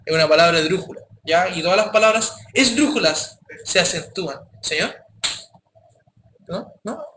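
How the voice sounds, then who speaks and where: A man's voice: sits high, lively intonation, moderate pace, pushed and bright. A man teaching a live programming class, talking casually and checking in with his students often. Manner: casual, addresses students directly with frequent checks. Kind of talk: live classroom coding lesson. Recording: echoey classroom with faint noise.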